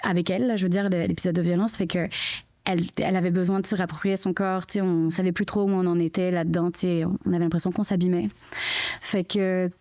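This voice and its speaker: Speaking quickly in a warm, lowish, level voice, the French mother of triplets chats through her story on a podcast. She leans heavily on fillers, often dropping "tu sais," as she talks casually with the interviewer.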